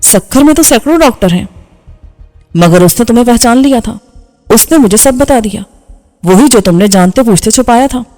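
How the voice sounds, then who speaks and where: A woman's voice: fairly high pitch, expressive, warm tone, lightly acted. A woman voicing an angry, bitter young male engineer who speaks harshly in audiobook dialogue, over faint background music. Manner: harsh, scolding delivery.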